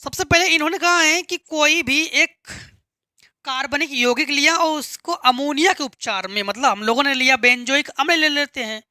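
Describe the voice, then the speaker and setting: A woman with a high, bright voice teaches chemistry. She works through each step patiently, asking a question and then answering it herself. The recording is close and dry. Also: moderate pace, no echo. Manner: patient, asks and answers her own questions, repeats key words. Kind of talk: classroom lesson explaining step by step.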